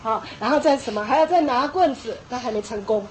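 A woman's voice: on the high side, brisk, a little hiss or hum, low-quality recording. A middle-aged woman preaching a sermon on parenting, speaking emphatically, repeating herself and acting out scolding scenes.

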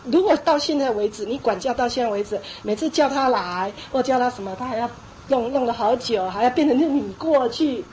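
A middle-aged woman delivers a sermon in a high voice. She talks emphatically, repeats her points and acts out scolding scenes as she goes. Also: animated, brisk, darkish tone, slight background noise, rough recording. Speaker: preacher. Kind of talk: sermon on parenting.

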